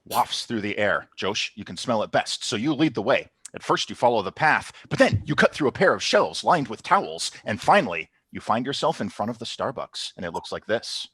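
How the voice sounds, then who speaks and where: A man running a tabletop game as game master over a video call, narrating with lively storytelling and calling for checks. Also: fairly low pitch, fairly quick, hardly any pauses, slightly rough, dry recording. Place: home.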